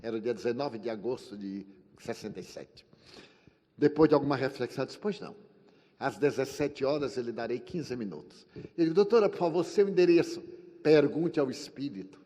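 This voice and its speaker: Older Brazilian man, spiritist lecturer, theatrical storyteller, live hall with long reverb. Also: fairly quick. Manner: animated storyteller, acting out dialogue with shifting pitch and volume. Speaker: spiritist speaker.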